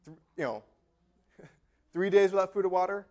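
A man's voice: sits high, moderate pace, darkish tone. A man preaching a sermon in a conversational, joking way with an American accent, often tossing in "right?" and acting out quotes. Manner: conversational preaching, frequent asides of "right?" and laughter. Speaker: pastor.

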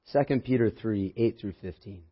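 A man with a hoarse voice preaching a church sermon in an informal, anecdotal way, as if talking with his congregation. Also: lowish voice, normal speed. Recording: dull, muffled sermon audio.

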